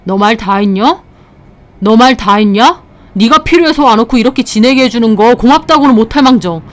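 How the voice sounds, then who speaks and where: A woman's voice: on the high side, animated, brisk, lightly acted. A woman voicing a stern scolding older brother. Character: exasperated adult brother, scolding husband.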